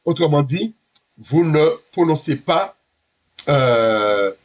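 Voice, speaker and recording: A man teaching a beginner Hebrew class, halting and correcting himself, patiently checking that his students understand. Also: a little high, expressive, muffled recording.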